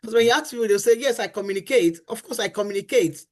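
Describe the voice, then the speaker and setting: A middle-aged woman with a fairly high, darkish-toned voice talks fast while teaching about marriage on a faith-based talk show. Earnest and emphatic, she returns to her key phrases and performs the complaints of husbands and wives.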